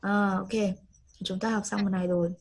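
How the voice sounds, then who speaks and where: A woman's voice: mid-range voice, flat delivery, normal speed, a little mellow, low-quality recording. A woman, teaching an online English lesson over a video call, patiently coaxing and repeating prompts.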